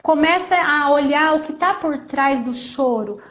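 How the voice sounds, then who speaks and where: A woman talking earnestly about parenting in a casual conversation, sometimes acting out what a gentle mother would say. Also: high-pitched, a little slow. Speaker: guest speaker on parenting.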